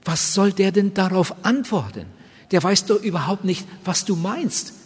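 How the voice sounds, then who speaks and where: Male preacher, high-pitched, earnest and emphatic delivery; recorded with a long echo in a big hall. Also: lively intonation, normal speed, slightly rough. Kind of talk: sermon.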